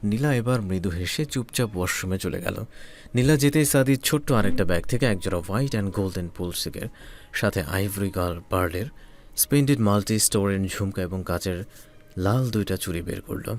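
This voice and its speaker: Brief: male narrator, lowish voice, calm romantic storytelling. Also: normal speed.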